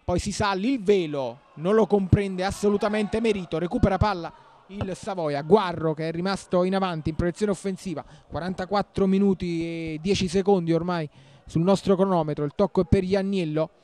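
A man giving live football commentary, breathless and excited, with shouted, drawn-out goal calls. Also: high-pitched.

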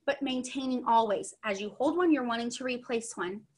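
A woman's voice: on the high side, normal speed, a little mellow. A young adult woman giving a chatty, upbeat online training session, full of asides, over a video call. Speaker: sales trainer.

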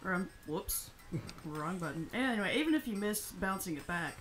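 A woman's voice: lowish voice, lively intonation, normal speed, fairly bright tone, soft background music, low-quality recording. A woman hosting a casual let's-play, chatting and explaining game tips, often laughing and reading game dialogue aloud. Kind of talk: casual gameplay commentary.

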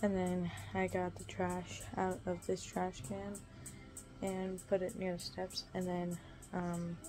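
Speaking in a lowish, monotone voice at a slow pace, a twenties-aged woman chats through a day-update vlog from home, phone at arm's length, sometimes on a couch, sometimes in a small room. She rambles, saying "um" a lot. The recording is low quality, with music behind her.

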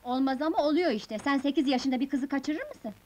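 An actress playing a young village woman in an old film comedy, airing a grievance. Her voice is high, and she speaks in an indignant, complaining way. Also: fairly quick, darkish tone, natural voice. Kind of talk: 1970s film comedy acting.

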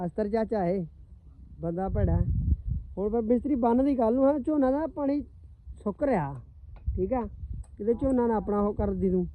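A man's voice: high voice, animated, moderate pace, long pauses, phone-quality sound. A man with a Punjabi accent chatting casually as a vlog host, in a colloquial way, often tossing questions to companions. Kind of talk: casual outdoor vlog chat with bystanders. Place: outdoors on a farm. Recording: some outdoor ambient and engine noise.

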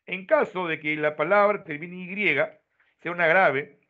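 Tinny-sounding teacher explaining grammar. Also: male voice, high voice, a little slow. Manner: explains step by step, tags lines with "¿no?". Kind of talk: online class lecture. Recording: tinny phone-like online audio.

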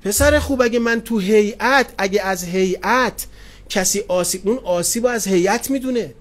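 Brief: high-pitched middle-aged male preacher telling stories in a sermon, affectionate with his listeners. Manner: addresses listeners tenderly, retells anecdotes with quoted dialogue. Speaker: cleric preacher. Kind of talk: sermon with storytelling. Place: religious gathering hall.

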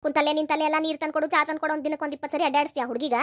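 Woman doing a bossy old north karnataka granny, high squeaky voice, talks fast and blunt, dry close sound. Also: flat delivery, dry recording, natural voice. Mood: commanding. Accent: North Karnataka Kannada. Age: older. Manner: scolding, commanding, blunt. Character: stern, outspoken old grandmother. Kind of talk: cartoon voice acting.

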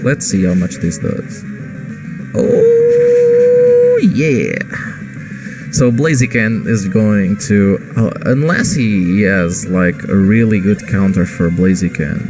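A man's voice: low voice, measured pace, loud music behind the voice, low-quality recording. A man giving casual, exclaiming commentary while playing a video game, reacting to each battle turn. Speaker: gaming video host.

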